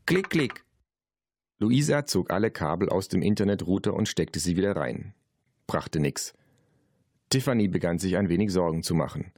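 Tiefe, lebhafte Männerstimme liest vor. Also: male voice, low-pitched, animated, moderate pace, darkish tone, no echo. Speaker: Hörbuchsprecher. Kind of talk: Hörbuchlesung.

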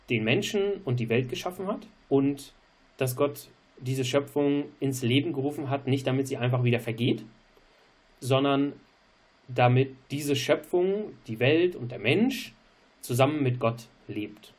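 A man co-hosting a podcast, explaining theology in an earnest way and repeating his key phrases. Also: mid-range voice. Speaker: podcast co-host. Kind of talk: theological discussion.

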